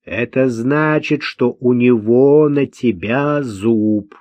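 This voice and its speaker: A man's voice: mid-range voice, takes it slowly, a little mellow, dry recording, close to an everyday voice. Man reading a patient, firm questioner. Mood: calm. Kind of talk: audiobook character voice. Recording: dull dry lo-fi recording.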